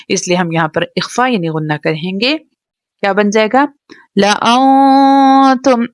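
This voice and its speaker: A woman teaching a tajweed lesson, spelling words out letter by letter in long drawn-out recitation, then explaining quickly. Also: mid-range voice, no room sound.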